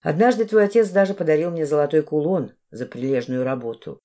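Woman voicing a calm, measured older woman. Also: low voice, close to an everyday voice. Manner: slow and measured.

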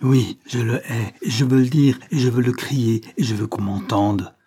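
A defiant young woman prisoner bursts out in heated, emphatic lines, as a male audiobook reader puts her on. The voice is pitched up and loud in her anger, while keeping the reader's mellow, slightly husky tone. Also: measured pace. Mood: furious. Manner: emphatic, impassioned outbursts.

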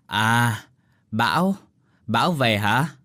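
A man voicing a frail, half-deaf, hunched very old village woman who speaks slowly and haltingly in an audio story. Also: mid-range voice, animated, sharp tone, no echo. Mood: confused. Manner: slow, faltering, confused.

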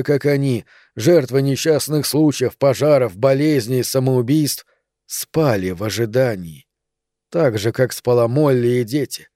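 A man reads a literary story aloud in a measured, dramatic way, letting long pauses hang between phrases. His voice is dark and mellow, and it sounds dry and close with little room around it. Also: mid-range voice, dry recording. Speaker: audiobook narrator. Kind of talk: scripted literary narration.

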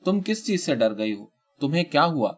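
A man voicing a worried, comforting husband in a spoken short story, soft and husky, on a dull lo-fi recording. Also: fairly high pitch, sing-song. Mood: tender. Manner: soft, husky, gently reassuring.

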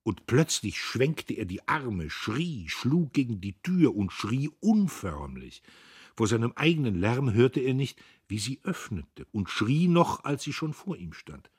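A man reading a novel aloud as narrator, in a measured, dramatic way. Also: mid-range voice, big pitch swings, husky. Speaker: audiobook narrator.

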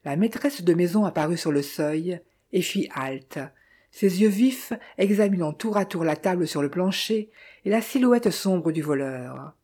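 A woman reading a novel aloud as narrator, in a measured, clear way. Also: fairly low pitch, mellow. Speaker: audiobook narrator. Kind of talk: scripted narration.

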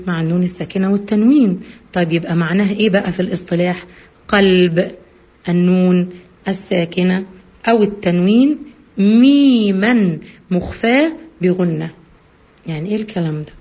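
A woman's voice: fairly even intonation, quick pace, darkish tone. A woman with an Egyptian Arabic accent teaching recitation rules, asking her listeners questions and answering them herself. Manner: asks and answers own questions, many fillers. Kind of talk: explanatory lesson, addresses listeners directly. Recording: husky low-bitrate radio-quality audio.

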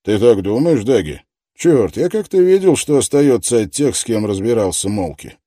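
A man's voice: medium pitch, expressive, normal speed, dark tone, no room sound, clean studio sound, voice pushed up, natural voice. A man voicing a sardonic male police detective who mocks and presses a suspect in blunt slang, raised above his narrating voice. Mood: menacing mockery.

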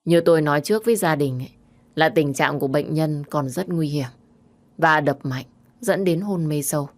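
A woman voicing a matter-of-fact hospital doctor who speaks quickly and formally. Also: deep voice, natural voice. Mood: clinical.

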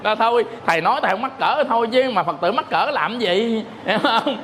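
A man's voice: very high-pitched, expressive, brisk, a bit bright, a little hiss or hum. A man giving a humorous Buddhist dharma talk, telling stories in a chatty way, repeating words and often asking his listeners if they understand. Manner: chatty storytelling, repeats words, asks "hiểu không?".

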